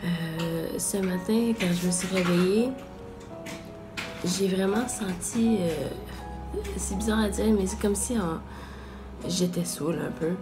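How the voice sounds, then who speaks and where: Quebec french woman doing casual vlog talk, normal pitch, music playing under it. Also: measured pace, pauses often. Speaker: vlogger. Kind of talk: casual, candid vlog chat.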